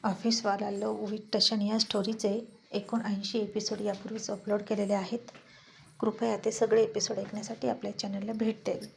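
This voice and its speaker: A woman narrating a serialized family story in a steady reading voice. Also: medium pitch, normal speed, gravelly, a little hiss or hum.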